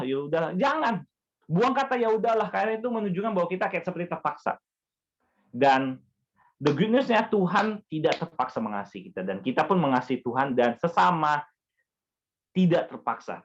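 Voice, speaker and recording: A man with a Batak accent gives a casual, chatty sermon as a youth pastor and keeps turning to his listeners. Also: fairly high pitch. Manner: animated, chatty, addresses listeners directly. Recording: dull, lo-fi sound.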